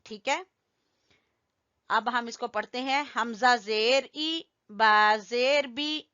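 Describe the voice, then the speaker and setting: A woman teaching Quran recitation, slowly spelling out letters and vowel marks and having learners repeat them after her. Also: a little high, clear, resonant tone, muffled recording. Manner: corrects learners gently. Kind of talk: slow drilling lesson with call-and-response.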